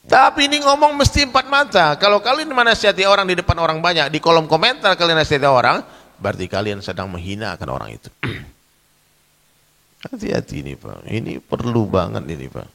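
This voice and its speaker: A man preaching a sermon in a mosque, animated, often clearing his throat and addressing listeners directly. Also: fairly high pitch, brisk, in a large hall. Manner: animated, addresses listeners as Pak, acts out quoted voices. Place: mosque hall.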